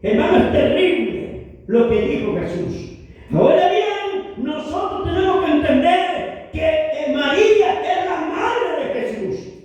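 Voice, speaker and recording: High-voiced shouting preacher in echoey hall. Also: male voice, sing-song, takes it slowly. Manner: emphatic, bursts into shouting, peppers speech with "hermano" and "aleluya". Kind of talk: evangelistic sermon. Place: church hall. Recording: echoey hall, voice from far off the mic.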